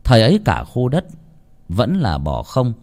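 Expressive male storyteller. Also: medium pitch, moderate pace. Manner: expressive, dramatic. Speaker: ghost story narrator. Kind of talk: scripted storytelling narration.

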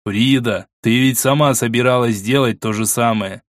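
A man voices a worried older archduke pleading earnestly and insistently with his wife, trying to persuade her. His mid-range voice moves at normal speed in a lightly acted performance, recorded dry at studio quality.

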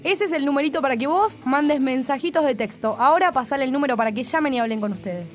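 A woman's voice: high-pitched, fast talker, soft background music. A woman with a Rioplatense accent hosting a casual radio show, bantering and reading out listener messages and contact details. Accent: Rioplatense Spanish. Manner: laughing, bantering, reads listener texts. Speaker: radio host.

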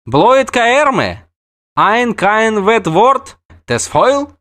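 A man voicing a proud, mocking female dryad in an audiobook reading, drawing out slow foreign words. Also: high-pitched, big pitch swings, fairly bright tone, pitched above the performer's own voice, exaggerated voice. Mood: haughty.

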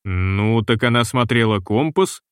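A man reading a brisk, impatient young captain. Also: mid-range voice, clean tone, no echo, studio quality, close to an everyday voice. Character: young male ship captain, impatient and lively.

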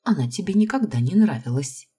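A woman's voice: lowish voice, big pitch swings, a little fast, slightly rough, pitched above the performer's own voice, full character voice. A woman voicing a snobbish gossipy student girl. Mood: scornful. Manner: sharp, scornful gossip.

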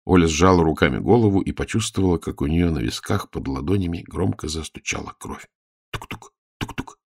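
A man narrating a children's storybook with expressive storytelling. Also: low-pitched, quick pace, creaky, dry recording, clean studio sound. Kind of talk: audiobook narration.

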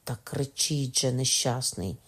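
A woman reading aloud and voicing a gruff but kind-hearted male executioner who mutters asides and whispers urgently. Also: a bass voice, measured pace, heavily acted.

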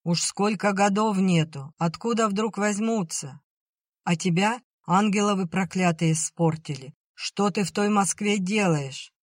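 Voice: mid-range voice, unhurried, no room sound, clean studio sound, voice pushed up, lightly acted. A narrator voicing a bitter, grumbling old peasant mother who wails and scolds, in an audiobook reading. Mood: wailing. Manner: wailing, scolding.

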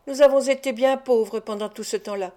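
A woman narrating a classic novel for an audiobook. Her voice is fairly high. She reads with a steady, measured pace of storytelling. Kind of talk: reading a classic novel aloud.

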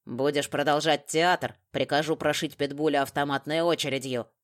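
Gruff male thug boss in an audiobook, read by a woman, barks orders. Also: rumbling low, unhurried, pitched below the performer's own voice. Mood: threatening. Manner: barking, threatening.

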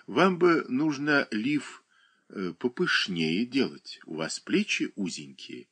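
A man's voice: mid-range voice, sing-song, slow pace, a bit bright, pitched above the performer's own voice, exaggerated voice. A man voicing a coarse, mocking woman who drawls her teasing remarks. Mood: sneering.

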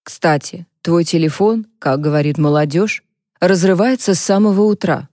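Woman reading as a gentle, motherly older woman. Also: on the low side, moderate pace, no echo, studio quality, close to an everyday voice.

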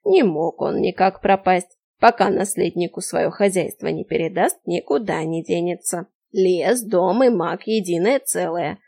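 A creaky, mumbling old shopkeeper woman, as a woman reading an audiobook puts her on, drawling her words slowly and waving off every worry. She sounds nosy and unhurried, like a storybook granny. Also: fairly low pitch, warm tone, heavily acted. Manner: slow, unhurried and dismissive. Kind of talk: audiobook character voice.

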